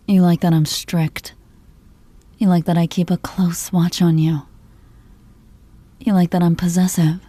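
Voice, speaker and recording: A woman playing a jealous, possessive girlfriend in an ASMR role-play, teasing and interrogating her partner in a slow, controlling murmur. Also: fairly low pitch, warm tone, no room sound. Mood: possessive, intimate.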